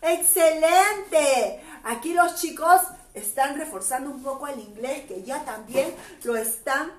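A woman's voice: high voice, slow. A woman preschool teacher leading a class routine with chants and action songs in a sing-song voice. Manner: animated, chanting and singing action rhymes. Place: classroom with children. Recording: roomy sound, mic at a distance.

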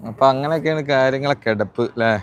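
A man's voice: medium pitch, fast, clean tone, dull audio. A man with a northern Kerala Malabar accent chatting casually as a live-stream vlogger, greeting viewers and repeating his phrases and questions. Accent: northern Kerala (Malabar) Malayalam. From Kozhikode district, Kerala, India.

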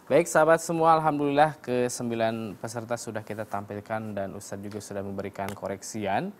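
A man's voice: on the low side, steady tone, a little fast. A man hosting a televised competition, closing the episode courteously and formally with a prayer. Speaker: host.

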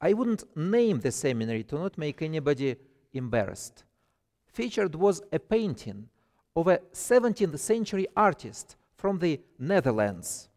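Russian-accented pastor preaching in a church. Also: male voice, a little high, very animated, moderate pace, darkish tone, in a large hall. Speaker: guest pastor. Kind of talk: sermon. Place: church sanctuary, at a pulpit.

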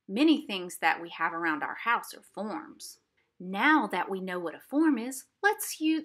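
A woman with a mid-range, slightly bright voice leads a simple craft demonstration for a museum family program, explaining things plainly to young viewers from an indoor craft table.

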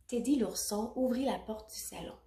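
A woman reading a children's picture book aloud, expressive and adding little asides for children. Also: a little high, normal speed. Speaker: storybook reader. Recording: roomy echo.

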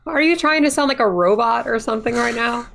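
A woman co-hosting a music podcast, giving measured album verdicts and bluntly teasing her co-hosts. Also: a little high, gravelly, a bit bright, a little hiss or hum. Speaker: podcast co-host. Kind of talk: casual album review chat.

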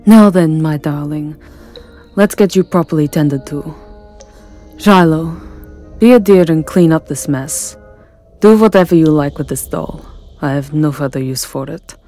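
A woman's voice: low-pitched, a little slow, warm tone, faint music behind. A woman playing an imperious, seductive vampire countess in an ASMR roleplay, speaking in a languid, aristocratic and commanding way. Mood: cold, commanding. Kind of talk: dramatic ASMR roleplay acting.

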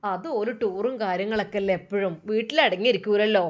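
A woman voicing a gentle, loving middle-aged father in a storybook tale, speaking softly and soothingly. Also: medium pitch, quick pace, voice pushed down, lightly acted. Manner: soft, soothing, tender.

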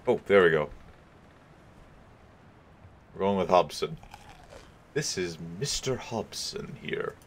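Here a gaming video host talks slowly yet animatedly in a low-pitched voice, leaving long pauses amid slight background noise. He thinks aloud about his gameplay choices in a casual way, with the odd chuckle.

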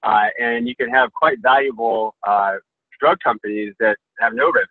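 A man speaking as an investor panelist on a webinar, heard over a video call that cuts out, explaining in a measured way with many fillers. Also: mid-range voice, steady tone, no echo. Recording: tinny phone-like call audio, dry.

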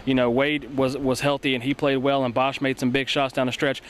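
Rapid-talking young sports broadcaster. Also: male voice, mid-range voice, little pitch movement, a little hiss or hum. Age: young adult. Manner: rapid, earnest, many fillers and restarts. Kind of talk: post-game sports analysis. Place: empty indoor basketball arena. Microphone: handheld mic held by co-host.

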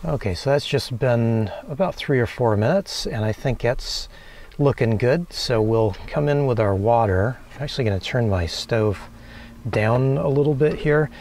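A man in his forties calmly talking through a recipe while cooking in a small camper van kitchen, with many relaxed "uh"s. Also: mid-range voice, a little hiss or hum. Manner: calm, unhurried, many filler "uh"s. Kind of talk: casual cooking demonstration.

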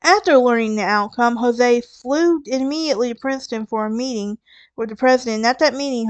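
A woman's voice: fairly high pitch, no room sound, dull audio. A woman with a Southern US accent, narrating a true crime podcast in a conversational way, with wry asides and restarts. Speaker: podcast host.

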